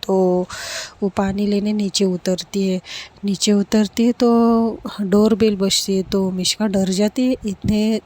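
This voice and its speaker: Mellow-voiced woman telling a love story. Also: mid-range voice, fairly even intonation, slow, slight background noise. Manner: repetitive, with frequent 'to' fillers. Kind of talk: casual story narration.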